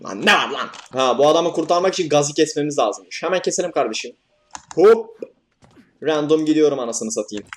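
A man's voice: on the high side, lively intonation, brisk. A young man commentating a horror game as he plays, swearing and yelping at scares, then laughing them off. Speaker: gaming YouTuber.

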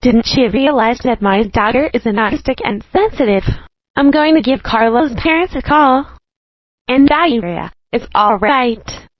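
A protective mother, indignant on her daughter's behalf, voiced by a female synthetic voice. The pitch sits fairly high and the delivery is machine-even. The sound is dry and close. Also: measured pace, no room sound, lo-fi sound. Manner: fussing and indignant. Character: caring protective mother of a crying girl.

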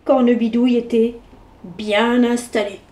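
A woman reads a picture book aloud to children in a high voice. She takes her time and reads expressively, and the room adds plenty of echo. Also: a little hiss or hum. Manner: slow and expressive. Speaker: storyteller. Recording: echoey room.

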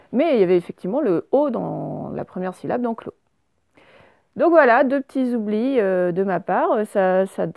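A woman's voice: medium pitch, gravelly, mellow, no echo, clean studio sound. A woman teacher giving a patient spelling lesson, spelling words out letter by letter for young pupils. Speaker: primary school teacher. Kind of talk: recorded remote spelling lesson.

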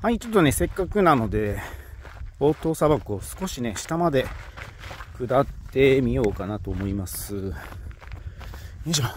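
A travel vlogger with a Kansai Japanese accent narrates his own hike on a rocky hillside, filmed on a handheld smartphone, chatting to himself with plenty of exclamations. His voice is medium-pitched and lively, at a moderate pace with frequent pauses. There is a little hiss or hum.

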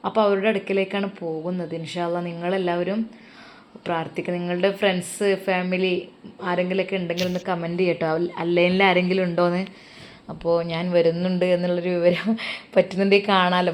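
Lady storyteller, chatty and warm, asks for prayers. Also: lowish voice, little pitch movement, fast talker, a little hiss or hum. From Malappuram, Kerala. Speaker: storyteller and channel host. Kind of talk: religious story narration and personal address.

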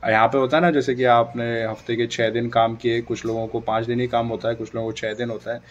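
A vlogger in his thirties talks casually to a phone camera held at arm's length, standing in a dim indoor room by a dark door. His mid-range voice is level in tone and fast, and the audio sounds dull. He gestures a lot while giving his viewers advice.

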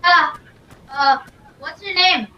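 Give me a gamer putting on a squeaky kid voice through a pitch-shifting voice changer, very high and bright, heard from a distant mic with faint noise. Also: slow pace, dull audio, full character voice. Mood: innocent. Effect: pitch-shifting voice changer making a childlike voice. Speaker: gamer trolling strangers in voice chat. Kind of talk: casual game voice chat.

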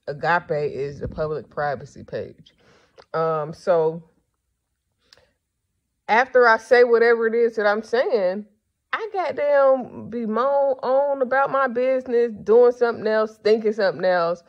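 A woman's voice: fairly high pitch, expressive, unhurried, lo-fi sound. A woman podcast host giving a casual, rambling monologue, blunt and profane, sleepy and yawning.

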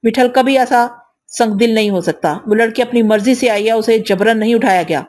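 A defiant young hero of an audio novel, voiced by a woman reading it. He speaks firmly and with open contempt, in a fairly high voice. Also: darkish tone, lightly acted. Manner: firm, contemptuous.

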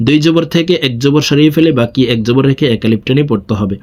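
A man with a Bangladeshi accent teaching Quran reading, spelling each letter and then drawing out the joined syllables, with quick plain explanations in between. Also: mid-range voice, a little mellow. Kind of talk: slow spelled-out recitation lesson.

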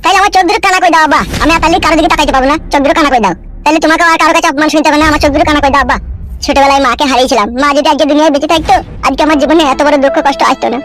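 A woman's voice: sits high, steady tone, very fast, fairly bright tone. A woman voicing a disgraced young man who pleads and whines to his father in a comedy cartoon. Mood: whining. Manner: pleading, whining.

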